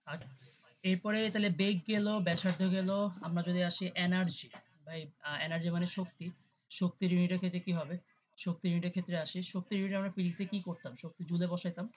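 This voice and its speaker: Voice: medium pitch, level tone, brisk. A tutor gives an online class lecture over a video call. The tutor talks conversationally, keeps checking in with students, and mixes English terms into the explanations. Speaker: chemistry tutor. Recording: dull, lo-fi audio with faint hiss.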